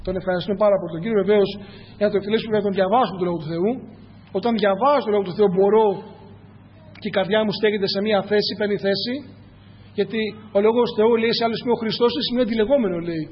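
Recorded in an echoey church hall with dull lo-fi sound and a faint hum, a man with a high voice and fairly even intonation preaches a sermon. He speaks earnestly, often calling his listeners brothers and posing rhetorical questions.

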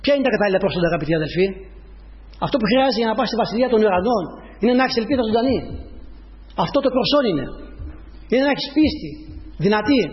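A man's voice: high voice, lively intonation, slight background noise. A man preaching a sermon, repeating his points and rising to emphatic peaks as he addresses the congregation as brothers. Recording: dull lo-fi recording with long reverb.

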